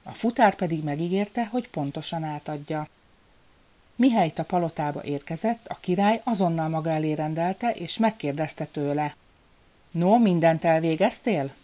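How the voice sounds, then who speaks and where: A woman narrates a folk fairy tale in a calm, measured way. Her voice sits low and sounds mellow and warm. It is steady storybook narration.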